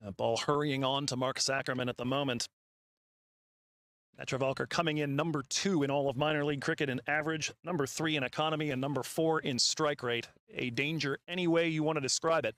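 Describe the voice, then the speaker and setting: A man's voice: a little high, fairly even intonation, fairly quick, a bit bright, no room sound. A man calling cricket play-by-play, reading out stats with frequent "uh" fillers. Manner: calls the action, quotes stats, frequent fillers. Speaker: cricket commentator. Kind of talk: live play-by-play commentary.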